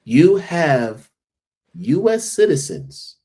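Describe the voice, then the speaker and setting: A man with an American accent, a guest educator on a podcast, speaking in an earnest, measured way. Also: on the high side, wildly swooping pitch, mellow, breathy edge. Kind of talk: casual podcast chat.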